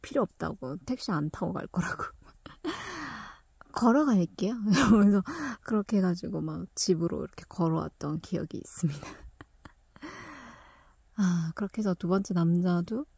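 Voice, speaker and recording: A young woman tells a story from her own life in a casual, chatty way, laughing often and slipping into quiet whispered asides. Her voice is husky and mellow. She is recorded close up in a dry room. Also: on the low side, expressive, measured pace, no echo.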